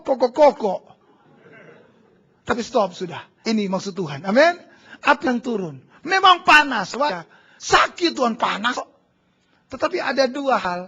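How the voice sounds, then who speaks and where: A man preaching a charismatic sermon as pastor, swinging between shouted exhortation and hushed low prayer. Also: breathy edge, highs cut off. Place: large church hall.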